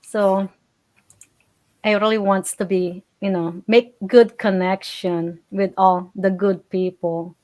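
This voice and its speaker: Slow-talking Filipina woman host. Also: on the low side, darkish tone. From Philippines. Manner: chatty, with frequent fillers. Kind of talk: casual livestream talk.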